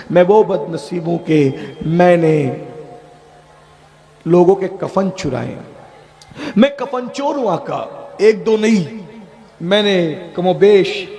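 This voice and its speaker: A man's voice: sits high, dark tone. Preacher doing crying young guy begging forgiveness, repeats himself a lot. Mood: confessing. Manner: pleading, repetitive confessions. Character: weeping remorseful young male sinner.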